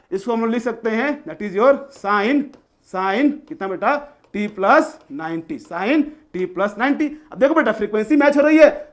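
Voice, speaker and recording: A man teaching a live online class, coaxing and repetitive, freely mixing English phrases into his explanations. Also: very high voice. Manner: coaxing, repetitive, mixes English phrases, calls students "beta". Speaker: online tutor.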